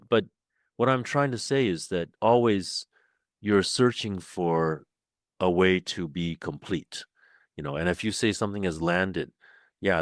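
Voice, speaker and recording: An older man from Taiwan talks in a very low, deep voice, feeling his way through his thoughts with frequent repeats and restarts. The sound is dry and close, with no room around it. He keeps a relaxed, conversational pace. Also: no echo. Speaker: guest playwright and director.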